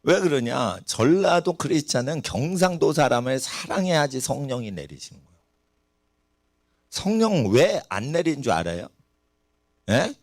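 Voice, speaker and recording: Animated preaching man. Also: medium pitch, moderate pace, long pauses, no echo, studio quality. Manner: animated, rhetorical questions to the congregation. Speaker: pastor. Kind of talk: sermon. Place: church sanctuary.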